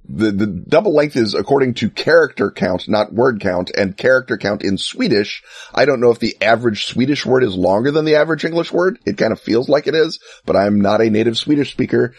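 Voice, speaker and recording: A podcast co-host with a slightly low, husky, darkish voice explains his subject in a casual chat, full of enthusiasm and wry asides. His delivery is loose and chatty, packed with ums and uhs. The sound is dry and close, with no room sound at all.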